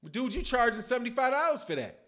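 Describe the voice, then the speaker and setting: Seated at a desk in a dim home room, a middle-aged boxing channel host from Chicago reads viewer comments and chats casually in slang on his livestream, picked up by a webcam. He speaks at an extremely high pitch, very animated and quick, with a slightly bright sound.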